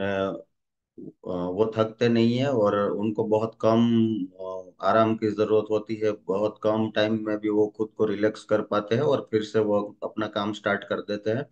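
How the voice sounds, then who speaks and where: Male trainer, mid-pitched, explanatory lecture, filler-heavy, slightly dull lo-fi audio. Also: a little mellow. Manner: explanatory, frequent "uh" fillers and restarts. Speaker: DMIT trainer. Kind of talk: recorded lecture on brain lobes.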